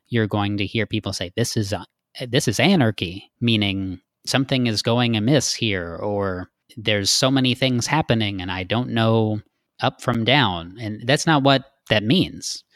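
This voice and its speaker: A man's voice: fairly low pitch, fairly bright tone, dry recording, studio quality. A man from Texas, a guest in a casual interview, explaining earnestly with frequent fillers.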